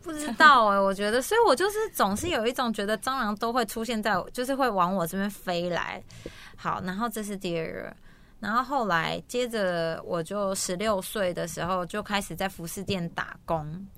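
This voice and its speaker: A young woman, hosting and telling a story in a lively, animated way, acting out the voices of people she quotes. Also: medium pitch, normal speed. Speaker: host. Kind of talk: casual storytelling chat.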